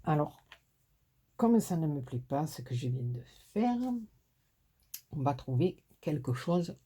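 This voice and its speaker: A woman's voice: deep voice, expressive, takes it slowly, warm tone, breathy edge. A woman with a southern French accent hosting a casual crafting tutorial, chatting to herself and teasing herself as she works. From southern France. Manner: chatty, talks to herself and teases herself while working.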